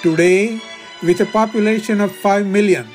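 Brief: male podcast host, slightly higher voice, scripted travel narration over faint music. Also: normal speed, a little mellow.

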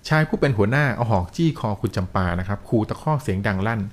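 A man narrating a ghost story to a listener in a lively, polite way, peppering it with polite particles. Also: lowish voice, fast.

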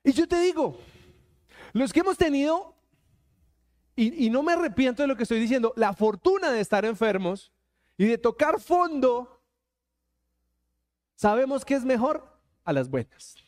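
A man's voice: extremely high pitch, big pitch swings, moderate pace, pauses often, darkish tone. A man preaching a sermon to his congregation, colloquial and joking as he speaks to them directly. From Colombia. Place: church.

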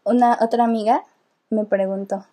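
A young woman with a Mexican Spanish accent chats casually with a friend. Her voice sits high and a little husky. She tells stories in an animated way and laughs often. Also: moderate pace. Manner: giggly, animated storytelling. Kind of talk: casual chat.

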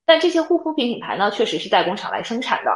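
A woman's voice: a little high, wildly swooping pitch, racing, roomy sound, rough recording. A woman co-hosting a podcast, explaining her views point by point in a casual analytical chat. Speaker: podcast co-host.

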